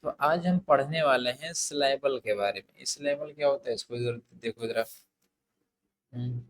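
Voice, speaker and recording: A man's voice: mid-range voice, moderate pace, low-quality recording. A man teaching an English grammar lesson, mixing Hindi and English in a hesitant style with many fillers and restarts. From India.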